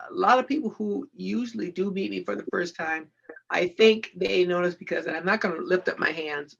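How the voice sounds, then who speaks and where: A woman co-host speaking gently and affirmingly in a panel discussion. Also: on the low side, creaky. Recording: dull lo-fi audio.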